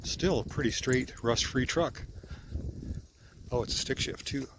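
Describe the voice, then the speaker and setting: A man's voice: mid-range voice, a little slow, noisy background. A man who works as a mechanic, chatting casually and a little out of breath while running outdoors through neighborhood streets with his dog. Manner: chatty, enthusiastic, talking while jogging. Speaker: vlogger, mechanic. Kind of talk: casual walking vlog.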